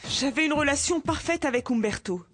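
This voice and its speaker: A woman's voice: sits high, expressive, fairly quick, music in the background. An actress dubbing a scheming woman who testifies and hoards money, sly and defensive. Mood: testifying. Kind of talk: dubbed telenovela acting.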